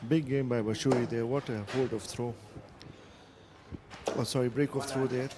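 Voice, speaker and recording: A man's voice: mid-range voice, fairly even intonation, moderate pace. A man giving live darts commentary as one of a pair of commentators. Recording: clearly noisy live event sound.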